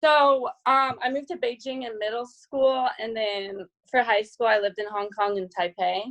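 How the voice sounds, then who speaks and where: A woman's voice: a little high, steady tone, normal speed, rough recording. A young woman from California, a podcast guest chatting casually, laughing often and filling her talk with "like". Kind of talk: casual chat.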